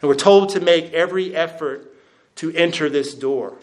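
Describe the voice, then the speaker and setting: A man's voice: fairly high pitch, moderate pace. A man preaching a sermon as pastor, emphatic and repeating phrases for stress.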